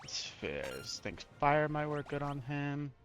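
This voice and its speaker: A man's voice: a little high, expressive, unhurried, a bit bright, soft background music. A man giving casual, rambling, self-deprecating live commentary as he plays a video game. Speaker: game streamer.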